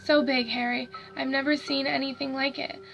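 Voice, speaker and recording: Woman voicing a dead boy's hushed, hateful growl. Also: sits high, level tone, moderate pace, gravelly, dull audio, faint music behind. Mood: awed dread. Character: dead young boy, bitter and terrified.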